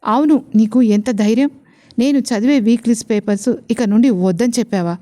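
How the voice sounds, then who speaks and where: A woman's voice: a little high, fairly quick, mellow, lightly acted. A woman voicing a stern, domineering older aunt-in-law in a storybook romance, who scolds sharply. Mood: angry.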